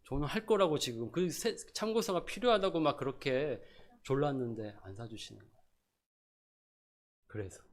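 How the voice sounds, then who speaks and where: A middle-aged man preaching a sermon as pastor, moving between loud emphasis and soft asides, and acting out pleading prayers. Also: medium pitch, expressive, normal speed, long pauses. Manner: acts out prayers and quotes in a pleading voice.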